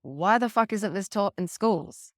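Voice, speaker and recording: A woman coach giving an earnest teaching talk on emotional self-care, speaking slowly and deliberately and swearing now and then. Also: mid-range voice, lively intonation, dry recording, studio quality. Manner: earnest, slow and deliberate, acts out quoted voices, swears casually. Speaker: relationship coach.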